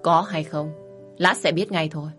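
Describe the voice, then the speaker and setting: A woman's voice: sits low, steady tone, moderate pace, faint music behind. A woman voicing a cold domineering husband. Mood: menacing. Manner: curt, mocking, quietly menacing. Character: brooding domineering young husband, drunk and cold.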